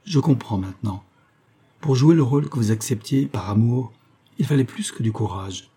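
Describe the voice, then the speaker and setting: A man's voice: mid-range voice, animated, moderate pace, mellow, husky. A man reading aloud, voicing a tender young actress who speaks earnestly and with emotion. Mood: emotional.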